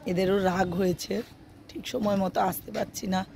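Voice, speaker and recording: Her voice hoarse from a cold, a middle-aged woman vlogs from a rooftop in the morning, phone in hand, talking slowly and gently with many fillers. She speaks at medium pitch in a level tone, with a little hiss or hum in the audio.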